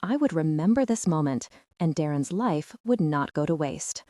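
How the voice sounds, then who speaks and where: A woman's voice: low-pitched, animated, moderate pace, warm tone, dry recording, clean studio sound. A woman narrating an audiobook with tense, dramatic storytelling.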